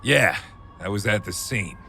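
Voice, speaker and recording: An actor playing a gruff, sarcastic, brusque police detective with a gravelly voice in a video game. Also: male voice, fairly low pitch, a little slow, sharp tone, faint music behind, heavily acted. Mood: sardonic. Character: gruff, dismissive, cynical male police detective.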